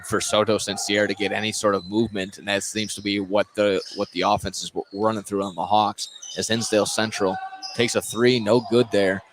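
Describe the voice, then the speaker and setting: An American play-by-play announcer calls a basketball game live from an indoor gym, his fairly low voice flat and brisk. The broadcast commentary carries noisy live gym ambience.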